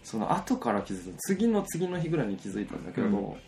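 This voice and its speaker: A man on a casual podcast, telling stories in an animated way. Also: lowish voice, fast talker, creaky, over music. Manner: animated, storytelling. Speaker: podcast co-host. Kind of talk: casual storytelling chat.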